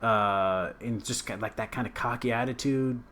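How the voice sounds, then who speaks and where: A man's voice: mid-range voice, moderate pace, a bit bright, slight background noise. A man hosting a casual news commentary show, talking in a loose, rambling way with frequent restarts. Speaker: show host.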